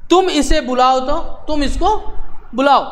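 A man reading the lines of a grave royal minister, measured and commanding as he settles a dispute. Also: extremely high pitch, long reverb tail, voice pushed up.

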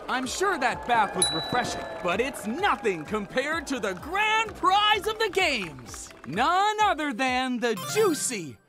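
A high-voiced, showy cartoon dinosaur works as a booming sports announcer. The delivery swoops widely and stretches key words grandly, with loud music playing behind it. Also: wildly swooping pitch, takes it slowly, few pauses, exaggerated voice. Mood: showy, excited. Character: excitable small dinosaur games host, showy prize announcer. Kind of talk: cartoon commentary.

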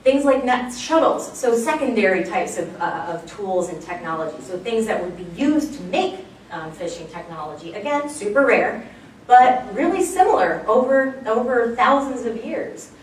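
A woman's voice: fairly high pitch, animated, moderate pace. Woman lecturing in an echoey room. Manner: chatty and enthusiastic, many fillers. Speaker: archaeology lecturer. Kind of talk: public slide lecture. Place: lecture room, recorded from far off. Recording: very echoey room, distant mic, faint background noise.

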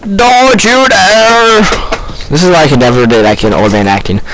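Excitable young man yelling at a game. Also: fairly low pitch, very fast. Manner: excitable, goofy, yelps and shouts at the game. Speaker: gaming YouTuber. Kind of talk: casual Minecraft let's-play commentary. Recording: faint background noise.

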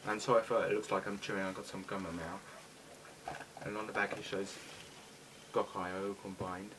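A British man with a fairly low voice chats eagerly as he unboxes toys, a collector clearly enjoying himself. The home recording is noisy, with clicks and hiss running underneath his talk. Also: little pitch movement, a little fast, far from the mic. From Britain. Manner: chatty, eager toy-collector enthusiasm. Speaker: toy reviewer. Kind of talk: casual unboxing commentary.

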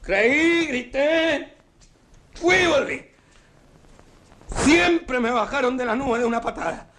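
An actor playing a bitter, disillusioned working-class husband with a Rioplatense Argentine accent, talking with sarcasm and scorn. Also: male voice, extremely high pitch, lively intonation, slow pace, heavily acted. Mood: mocking. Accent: Rioplatense Argentine Spanish. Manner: sarcastic, scornful, repeats words. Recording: 1980s film soundtrack, faint hiss.

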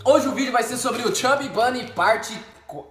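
A man's voice: very high-pitched, normal speed. A young Brazilian man hosting a casual group challenge vlog in a slangy, boisterous way. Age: young adult. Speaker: video host. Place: open glass-walled lounge at a country house. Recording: echoey room, loud music over voices.

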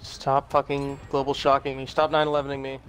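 A man's voice: mid-range voice, monotone, brisk, fairly bright tone. A young man in casual gaming chat, blurting blunt, profane outbursts.

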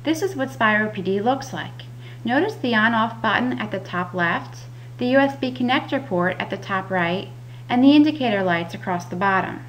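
A woman delivers scripted instructional narration as a patient educator. Her voice sits at a medium pitch. Faint noise and a hum sit behind her. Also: lively intonation, moderate pace, fairly bright tone, rough recording. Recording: audible background noise with hum.

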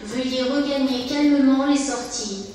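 A woman's pre-recorded evacuation message played over a PA loudspeaker, calm, measured and formal. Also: high voice, a little hiss or hum. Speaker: recorded safety announcer. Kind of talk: pre-recorded evacuation announcement in two languages. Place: large store, indoors. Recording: echoey hall loudspeaker, far from mic.

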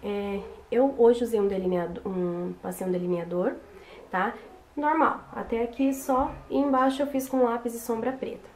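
A young woman, hoarse from a cold, chatting casually through a makeup tutorial. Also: on the high side, moderate pace, a little mellow. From Brazil. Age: young adult. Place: small bedroom, indoors. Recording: roomy echo with background noise.

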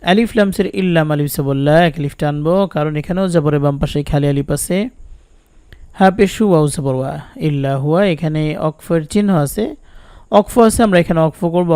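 A man with a Bangladeshi Bengali accent teaches step by step, spelling out each syllable and repeating it patiently. His voice sits a little high and sounds smooth and clear. The recording is dry and close, with no room echo. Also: darkish tone. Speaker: Quran recitation teacher. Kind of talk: step-by-step spelling lesson with slow recitation.

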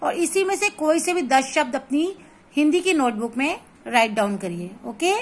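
A woman teaching a kindergarten phonics lesson, sounding out syllables slowly one by one and gently coaxing a child along. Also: high voice, lively intonation. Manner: slow, drawn-out syllable-by-syllable reading; gentle, addresses child as beta.

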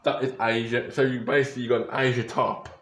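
The young man's medium-pitched voice is level, fairly bright, and fast as he rambles over photos for a casual vlog, repeatedly restarting and correcting himself. He records in a small, echoey bedroom using a webcam or phone camera held close.

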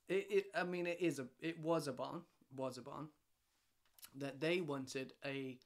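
A man in his thirties from the UK, a lighting design company director, chatting casually on camera from a living room with lots of restarts and fillers. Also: fairly high pitch. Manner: chatty, rambling with many restarts and fillers, gestures a lot. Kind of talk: casual talking-head explainer. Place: home living room with shelves and a stove. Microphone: camera in front, head and shoulders framing.

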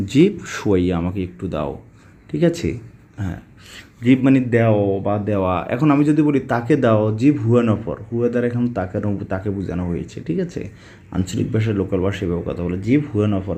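Man teaching Arabic words, mellow voice. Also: on the low side, husky. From Bangladesh. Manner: slow, repetitive word-by-word explaining. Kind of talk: spoken vocabulary lesson.

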